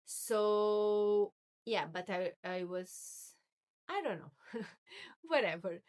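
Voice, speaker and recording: Slow-talking Brazilian woman vlogger. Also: mid-range voice, animated, darkish tone. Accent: Brazilian Portuguese. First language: Portuguese. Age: 20s. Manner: slow, searching for words, self-correcting. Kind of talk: casual vlog talk.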